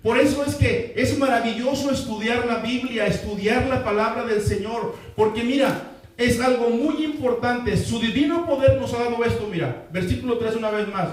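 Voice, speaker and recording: Male pastor with a really high voice, preaching, keeps repeating himself and asking the crowd for amens, heard from far off in a big echoey church. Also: moderate pace. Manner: repeats key lines and calls for congregation responses. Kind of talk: sermon. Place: church sanctuary. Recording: echoey hall, voice from far off the mic.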